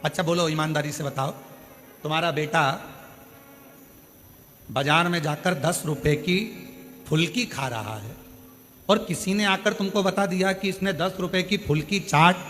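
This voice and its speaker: A man's voice: fairly high pitch, unhurried, long pauses, fairly bright tone. A man with a Madhya Pradesh Hindi accent preaching a live devotional sermon, hammering home points with repeated rhetorical questions. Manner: emphatic, repetitive rhetorical questions to the audience. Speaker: katha preacher. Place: large outdoor katha pandal. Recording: long hall reverb with faint music.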